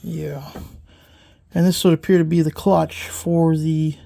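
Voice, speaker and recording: Gravelly and warm, this mid-range voice has a flat delivery and a slightly slow pace. A repair channel host, stuffed up from a lingering cold, uses it for a casual hands-on walkthrough of a mower engine repair in a workshop, rambling and self-correcting with many fillers.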